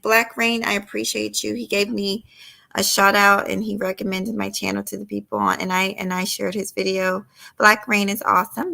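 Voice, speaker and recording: A woman's voice: medium pitch, gravelly, bright, forceful tone. A middle-aged woman hosting a casual late-night livestream. She talks straight to her viewers, reads their comments aloud and gives firm opinions. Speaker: livestream host.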